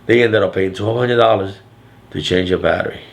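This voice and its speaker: An older man with a deep, loud voice, telling a rambling story in a casual vlog, restarting sentences often. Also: a little fast. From Florida. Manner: rambling with frequent restarts and fillers. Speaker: vlogger.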